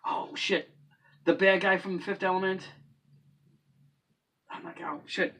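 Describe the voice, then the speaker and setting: A man with a bright, fairly high voice talks hesitantly, pausing with ums while he hunts for names. He is recorded from some distance. The talk is casual conversation between co-hosts. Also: little pitch movement. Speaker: co-host of a movie review show. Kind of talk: casual chat.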